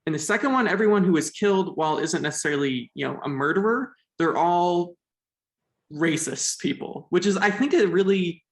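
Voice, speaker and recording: Fairly high voiced guy breaking down movie themes, gravelly, echoey room. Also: animated, moderate pace. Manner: analytical, thinks aloud with fillers. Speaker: podcast co-host. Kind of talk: casual film discussion.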